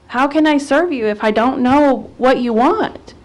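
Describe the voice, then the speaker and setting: A woman's voice: high voice, a little slow. A woman council member giving earnest, heartfelt remarks into a desk microphone in a council chamber.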